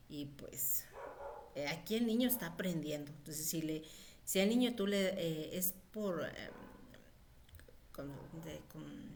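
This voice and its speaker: A woman's voice: on the low side, a little mellow, slight background noise. A woman giving an informal lecture on pediatric nutrition, chatty, with many fillers. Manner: conversational, with frequent fillers and acted-out quotes of mothers.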